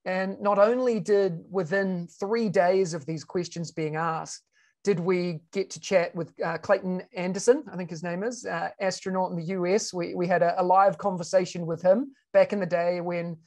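Talking from home over a webcam on a video-call panel, this New Zealand education consultant in his thirties keeps his tone conversational, with frequent "you know" fillers and restarts. His voice is high-pitched, steady and a little mellow, at a moderate pace.

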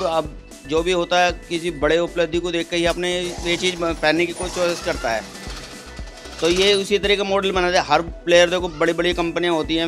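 A man in his thirties, a workshop owner, plainly explaining his work into an interviewer's handheld mic in a courtyard, with repeated polite yes-words. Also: on the high side. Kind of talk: casual explanation. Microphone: handheld mic held by interviewer.

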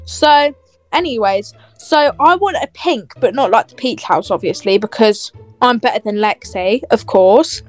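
A woman plays a snobby, entitled young woman in a game role-play, bossing people about in a high voice. She sounds dismissive and self-satisfied. Faint music plays behind her. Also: expressive, a little slow. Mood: haughty.

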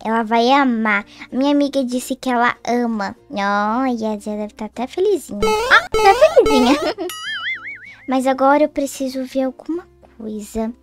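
A girl playing a sweet, scheming schoolgirl in a game role-play. She coos over a baby, gets excited easily and thinks out loud. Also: on the high side, moderate pace, over music. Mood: eager. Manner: cooing, excitable, talks to herself. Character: sweet, scheming schoolgirl who loves babies. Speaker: channel host and role-play player.

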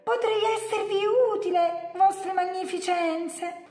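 A woman voicing a flattering, pleading yellow monster in a storybook read-aloud, grovelling with grand titles. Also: very high-pitched, takes it slowly, echoey room, faint music behind, voice pushed up.

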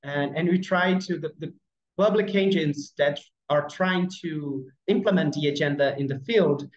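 A man from Brazil with as his gives an online presentation over a webcam, speaking haltingly with many fillers and restarts. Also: on the high side. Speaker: conference speaker. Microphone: video call webcam. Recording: roomy, slightly dull video call audio.

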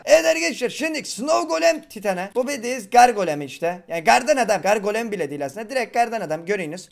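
High, gravelly, excitable young man. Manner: excitable, shouts and laughs, chatty asides to viewers. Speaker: gaming YouTuber. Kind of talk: excited Minecraft gameplay commentary.

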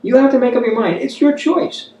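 This man's voice is extremely high yet dark in tone, and he speaks briskly. In his fifties, he gives a Bible study like a sermon, earnest and exhorting, echoing key phrases, indoors at a wooden table in a small room. Captured on a distant mic in an echoey space, the audio has its highs cut off.

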